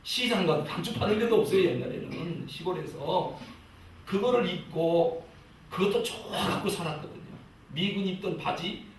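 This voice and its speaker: Animated male pastor in an echoey church. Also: high-pitched, moderate pace, slight background noise. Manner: animated, mimics pleading prayers. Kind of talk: sermon. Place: church sanctuary. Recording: echoey church hall, distant mic.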